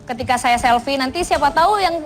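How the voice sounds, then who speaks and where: A woman's voice: high voice, lively intonation, quick pace, faint music behind. A young woman, a judge, answers talk-show questions politely and measuredly, laughing between answers. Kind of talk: casual interview answers. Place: TV studio.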